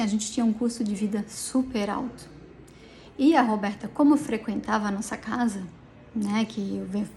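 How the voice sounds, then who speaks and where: Middle-aged woman, tired, agitated, rambling, fairly high voice, faint background noise. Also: a little mellow. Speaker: vlogger recounting a personal dispute. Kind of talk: emotional personal account. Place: inside a police station.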